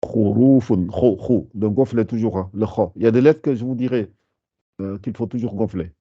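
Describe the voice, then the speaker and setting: A man teaching a beginner language class, patiently repeating sounds slowly to show how they are pronounced. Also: lowish voice, dark tone, no room sound, highs cut off. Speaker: Arabic teacher.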